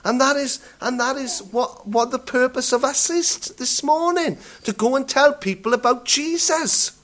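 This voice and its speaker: A man's voice: extremely high pitch, normal speed, a bit bright. A man preaching a morning sermon, asking the congregation rhetorical questions and repeating his points with frequent restarts. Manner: restarts and stumbles over words.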